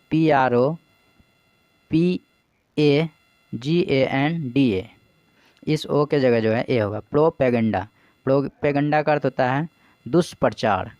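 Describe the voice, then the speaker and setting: A man's voice: medium pitch, darkish tone, dry recording, highs cut off. A man teaching as an exam coach, explaining English vocabulary in Hindi, asking his own questions, answering them, and spelling words out letter by letter.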